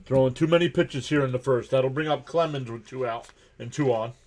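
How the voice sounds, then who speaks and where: A man in a relaxed live stream calls pitches and ball-strike counts as they happen. His voice sits in an ordinary middle range and his delivery stays chatty and easygoing. Between pitches he greets viewers by name in an offhand way. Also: brisk. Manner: calls pitches and counts while reading out chat messages. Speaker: live game reaction streamer. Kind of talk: casual live play-by-play commentary.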